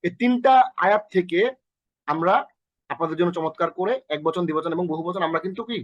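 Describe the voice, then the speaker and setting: A man's voice: high voice, a little fast, no echo, dull audio. A man teaching a recorded Arabic lesson with energy, often repeating himself and quizzing the listener, with a Bangladeshi accent.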